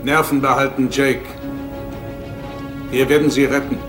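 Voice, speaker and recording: A man's voice: medium pitch, level tone, a little slow, over music, lightly acted. An actor playing an authoritative, composed male starship captain giving orders in a dubbed science fiction drama. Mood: urgent, commanding. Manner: commanding, crisp orders.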